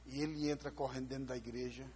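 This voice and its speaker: A man from preaching a sermon as pastor, telling a story and acting out the voices, swinging between loud and hushed. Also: mid-range voice, fairly even intonation, quick pace, husky. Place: church sanctuary. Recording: live in a large church with long reverb.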